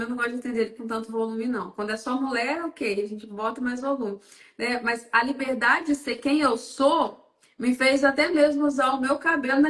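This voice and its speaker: Woman guest on a faith talk, lively storyteller acting out dialogue, high voice, roomy sound. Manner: animated storyteller, acts out dialogue. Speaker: psychoanalyst guest. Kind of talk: casual faith-based talk.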